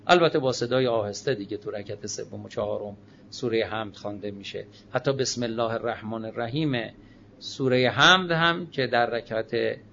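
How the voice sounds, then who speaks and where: Male cleric, religious lecture, mid-pitched, slightly dull recording with faint hiss. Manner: swings from emphatic raised phrases to quiet low asides, drawn-out sacred phrases. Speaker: Islamic cleric.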